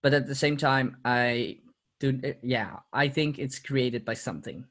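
A man's voice: mid-range voice, unhurried, fairly bright tone. A man talking as a podcast guest in casual interview chat, reflective, laughing often and repeating words as he restarts.

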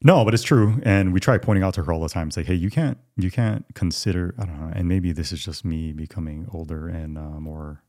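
A man's voice: sits low, fast, few pauses, a little mellow, dry recording, clean studio sound. A man around forty from Hawaii, co-hosting a casual chat with wry asides and frequent restarts. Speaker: podcast co-host.

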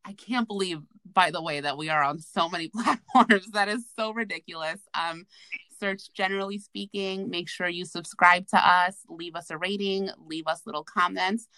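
A woman hosting a casual podcast, talking in an animated, slangy, profane way, recorded remotely from a bathroom. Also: on the low side, normal speed, dry recording, poor audio. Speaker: podcast host. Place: bathroom, at home.

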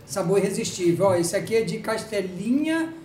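A man's voice: sits high, expressive, normal speed, roomy sound, far from the mic, slight background noise. Jovial male talk show host. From Brazil. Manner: jovial, reads sponsor shout-outs. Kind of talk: live talk show chat.

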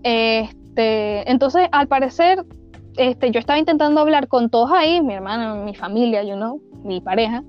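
A young Venezuelan woman on a podcast tells a ghost story in casual, slangy chat full of fillers and restarts. Her voice is on the high side and she talks at a normal speed, captured in a dull lo-fi recording with faint music behind her.

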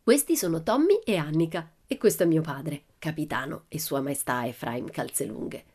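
A woman reading an audiobook and voicing a boastful, exuberant nine-year-old girl with loud, playful exclamations. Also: low-pitched, expressive, moderate pace. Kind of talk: audiobook character voice.

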